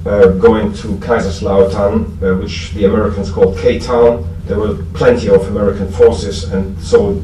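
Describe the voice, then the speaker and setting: Fairly low in pitch, level and mellow, a German-accented man gives a casual, halting talk about past times at a recovery fellowship convention, with dry, self-deprecating humour. He stands before an audience in an echoey room, recorded noisily through a distant microphone.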